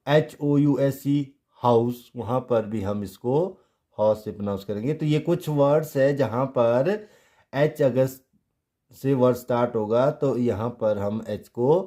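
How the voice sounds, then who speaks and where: A man gives a patient pronunciation lesson at an unhurried pace. His voice is warm and mellow. He spells each word out letter by letter and answers his own questions. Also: medium pitch. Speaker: English teacher.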